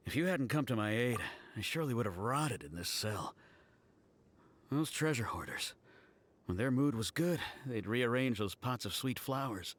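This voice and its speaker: A man voicing a courteous male antique supplier in a game cutscene, measured and salesman-like. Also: medium pitch, lively intonation, fairly bright tone. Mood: grateful. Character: grateful male antique supplier, polite merchant.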